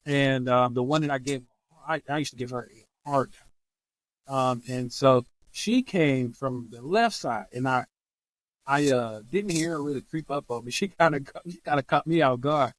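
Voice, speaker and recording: A man's voice: mid-range voice, normal speed, no echo, rough recording. A man, a podcast guest on a remote call, telling his story casually in an interview and acting out the people he quotes. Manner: animated, acts out quoted voices.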